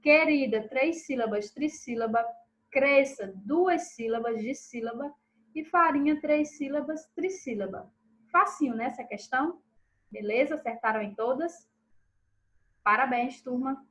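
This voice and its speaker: Lady teacher w a high voice going over answers slowly for the class. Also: a bit bright, poor audio. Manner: checks in with pupils after each answer; stresses syllables slowly and clearly. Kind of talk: recorded lesson reviewing exercises.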